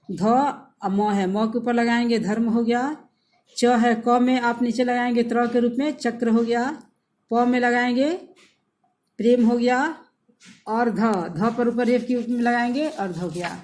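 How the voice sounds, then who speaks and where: A woman school teacher giving a grammar lesson to pupils, spelling words out slowly letter by letter and calling them children. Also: fairly high pitch, fairly even intonation, darkish tone.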